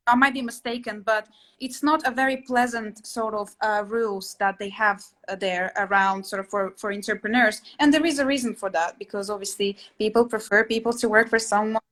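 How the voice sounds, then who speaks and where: A young Latvian woman in her 20s, an interior sketching teacher hosting a casual video-call chat, has a slightly high, fairly bright voice with fairly even intonation and a moderate pace. She is chatty but hesitant, with many fillers and restarts, speaking from a small room at home through a laptop webcam.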